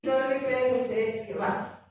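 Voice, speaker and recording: A woman's voice: high-pitched, fairly even intonation, slow pace, over music. A young woman teaching English grammar to a class, patiently quizzing her students and having them repeat words after her. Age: young adult. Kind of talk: classroom lesson. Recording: very echoey classroom, distant mic, faint hiss.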